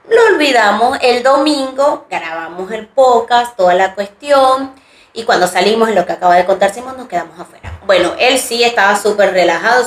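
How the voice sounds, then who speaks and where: A woman co-hosting a podcast, telling a long personal story in a chatty, rambling way and voicing the people in it. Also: mid-range voice. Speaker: podcast co-host. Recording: roomy echo.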